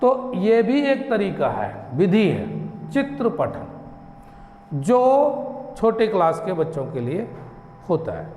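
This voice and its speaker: A man teaching a lecture class, talking slowly and deliberately, drawing out syllables and asking rhetorical questions. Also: sits high, huge pitch swings, dark tone, a little hiss or hum. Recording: echoey room, faint ambience.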